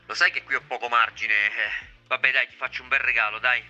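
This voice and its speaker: Brisk man on speakerphone. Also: medium pitch, fairly even intonation, bright, forceful tone. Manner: brisk, hurried and matter-of-fact. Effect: heard over a phone on speakerphone. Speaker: hi-fi shop owner. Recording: muffled speakerphone call with faint music.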